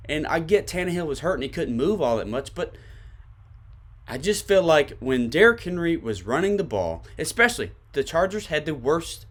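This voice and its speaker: A man with a Tennessee accent hosting a sports podcast, giving emphatic commentary to his listeners and repeating his points for stress. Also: on the high side.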